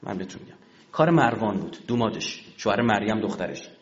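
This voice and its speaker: A man's voice: on the low side, muffled recording. A man giving a religious history lecture in a colloquial storytelling manner, acting out the dialogue of the people in his story. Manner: animated storyteller who acts out quoted dialogue.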